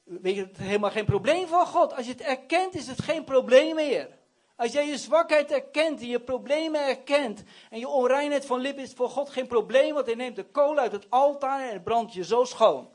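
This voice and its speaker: A man preacher delivering a sermon in an earnest, emphatic, conversational way, often tagging his points with a quick question. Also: very high-pitched.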